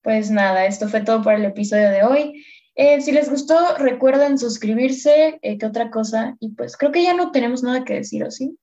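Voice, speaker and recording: A young woman hosts a podcast, chatting in a laid-back, friendly, rambling way. Her voice is a little high with a dark tone, and she talks at normal speed. The lo-fi podcast audio sounds slightly dull.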